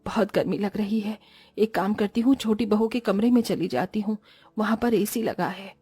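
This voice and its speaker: A woman's voice: medium pitch, normal speed, dark tone, breathy edge, no echo, faint music behind. Woman doing a stingy cartoon mother-in-law. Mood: weary.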